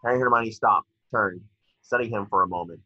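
A man with a fairly low, brisk voice reads stage directions as the narrator at a table read, occasionally tripping over words. He's recorded dry over a video call, and the audio is dull and lo-fi.

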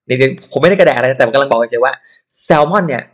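A man giving a casual software tutorial who chats and digresses into advice while working. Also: medium pitch, animated, fast talker. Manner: chatty, digresses into advice and asides.

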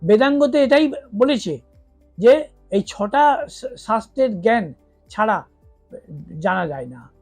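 A man teaches religious lore in an off-the-cuff lecture, his voice sitting noticeably high. He asks questions and then answers them himself, cutting words short and restarting them as he goes. Soft music plays faintly behind him. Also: very animated, slow pace, vocal fry, pauses often. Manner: talks through examples and retold stories, with frequent restarts and self-corrections. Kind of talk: unscripted explanatory lecture.

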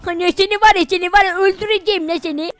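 A man's voice: very high voice, steady tone, fast, a bit bright, pitched above the performer's own voice. A man voicing a hot-tempered male villager who grumbles, threatens and swears, in a comic game voice. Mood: furious. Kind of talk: comic Minecraft voice acting.

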